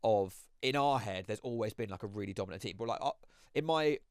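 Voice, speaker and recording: A man's voice: lowish voice, lively intonation, brisk, smooth, no echo, clean studio sound. A man co-hosting a podcast who thinks aloud in a casual, rambling way about football. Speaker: podcast co-host.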